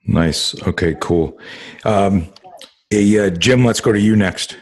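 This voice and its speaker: Low-voiced rambling male host. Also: takes it slowly, darkish tone. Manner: rambling with many fillers, swears freely. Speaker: podcast host. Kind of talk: casual group call chat.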